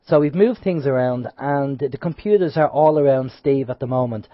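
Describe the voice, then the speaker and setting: A man co-hosts an internet radio show, talking at normal speed with a medium pitch despite a sore throat that makes him sound slightly nasal. He chats and rambles a bit, opening lines with energy before trailing off. The dry studio recording has a dull, lo-fi quality with no room sound.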